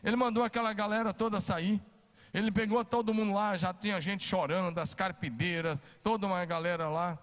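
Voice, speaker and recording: An emphatic Brazilian pastor delivers a sermon in a fairly high voice, hammering his points through repetition. His words ring out with the long reverb of a church hall. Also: fairly even intonation, fairly quick, a bit bright. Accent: Brazilian Portuguese. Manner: emphatic, repeats key phrases, rises for quoted lines.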